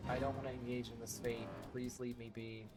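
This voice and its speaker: Excitable male game streamer. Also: mid-range voice, fairly quick, over loud music. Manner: excitable, swears and cheers at the game. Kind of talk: casual gameplay commentary.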